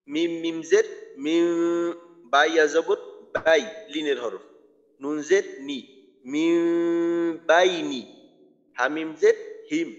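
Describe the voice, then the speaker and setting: A man teaching Quran recitation rules, spelling out letters and vowel marks slowly and deliberately. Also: fairly high pitch. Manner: slow, deliberate, drawn-out spelling of sounds. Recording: dull lo-fi sound with long reverb.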